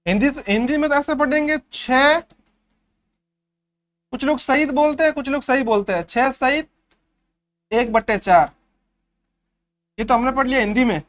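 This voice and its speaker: Man, high voice, maths teacher, patient step-by-step explaining, keeps checking pupils follow. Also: moderate pace, pauses often, fairly bright tone. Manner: keeps checking the class understands. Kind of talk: revision class for young pupils.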